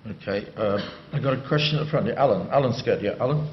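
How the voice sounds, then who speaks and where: A fast-talking man moderates a debate, calling on questioners and adding playful asides. He sounds distant in an echoing hall, and the recording is dull and lo-fi. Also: medium pitch, slight background noise. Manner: brisk, joking asides. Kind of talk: chairing a debate.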